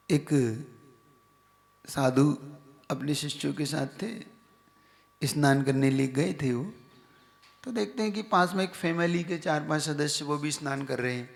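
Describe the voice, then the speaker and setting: A man's voice: a little high, vocal fry. A man, a monk, giving a conversational sermon and putting questions to his audience. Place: large hall with an audience. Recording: reverberant hall.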